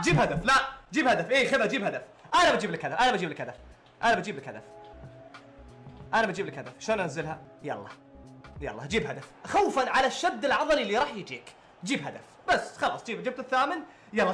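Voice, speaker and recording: Exasperated high-voiced gamer. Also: male voice, very animated, rapid-fire, soft background music. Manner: loud, exasperated ranting with frequent shouts and curses. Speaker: gamer playing a football video game. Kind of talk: live gameplay commentary.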